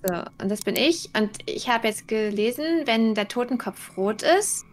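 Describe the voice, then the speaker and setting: A woman chats casually while co-playing a horror game. She teases and giggles a lot, and her voice sits fairly high. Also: expressive, moderate pace, a little hiss or hum. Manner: playful, giggly, teasing. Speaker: manager and co-player. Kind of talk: casual gaming chat.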